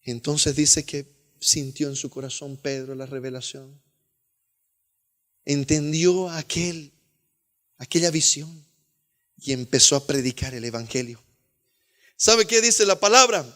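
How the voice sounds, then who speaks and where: A male pastor preaches with fervor, his voice sitting high for a man. He swings between loud, ringing exclamations and hushed asides, calling his listeners beloved brother. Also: unhurried, pauses often. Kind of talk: sermon.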